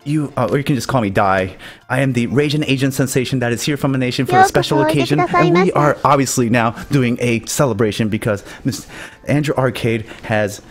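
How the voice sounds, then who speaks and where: A man's voice: mid-range voice, lively intonation, a little fast. Overexcited young man streaming live. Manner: overexcited, stammering, laughing often. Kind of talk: excited live stream chat. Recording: faint background music.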